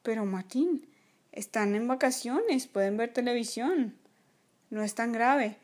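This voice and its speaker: A woman voicing a soft-spoken toy mom. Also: a little high, moderate pace, natural voice. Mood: worried. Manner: soft, soothing, apologetic. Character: gentle worried toy mother, soft-spoken. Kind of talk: toy play acting.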